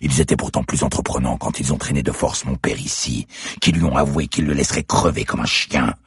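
A man voicing a young masked killer who talks in a slow, taunting, mocking way. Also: extremely low pitch, breathy edge, no room sound, clean studio sound, full character voice. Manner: sneering, taunting, slow and deliberate.

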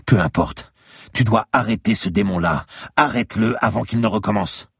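A man's voice: fairly low pitch, moderate pace, gravelly, fairly bright tone, breathy edge, dry recording, studio quality, voice pushed up, exaggerated voice. A man voicing a tearful, mystical old woman neighbor who pleads urgently in a raised voice.

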